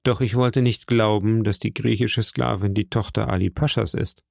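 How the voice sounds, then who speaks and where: A man's voice: fairly low pitch, fairly even intonation, moderate pace, vocal fry, no echo, clean studio sound. A man voicing an earnest, troubled young man who pleads with his friend.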